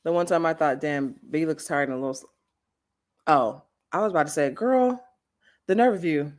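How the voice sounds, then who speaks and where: Woman, host of a live chat stream, lively storyteller, slightly low voice. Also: moderate pace. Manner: animated storytelling, big pitch swings. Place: Los Angeles.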